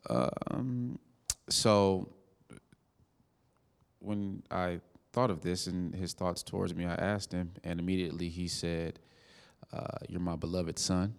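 A man earnestly sharing with a group in a measured way. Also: low voice, fairly even intonation, vocal fry, clean tone.

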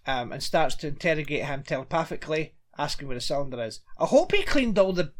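A man's voice: fairly high pitch, very animated. A man, chatting casually and rambling a little as he recaps a TV episode as a podcast co-host. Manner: chatty, rambling, quick to laugh.

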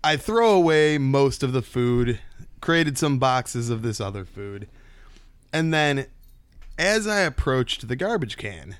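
A man's voice: mid-range voice, expressive, slow pace, clean tone, no room sound. A man hosting a podcast, telling stories in a casual, folksy way and drawing out the suspense. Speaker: podcast host. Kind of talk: casual conversational storytelling.

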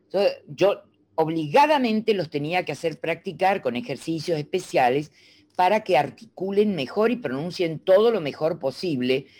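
A middle-aged woman from Argentina, a speech coach explaining diction in a teacherly, animated way and demonstrating sounds. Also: low-pitched, moderate pace. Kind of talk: interview guest explaining.

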